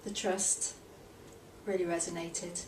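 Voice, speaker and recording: A woman's voice: lowish voice, little pitch movement, slow. A woman speaking as a client in a therapy session, repeating phrases and reflecting on herself. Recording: echoey room, far from mic, noisy.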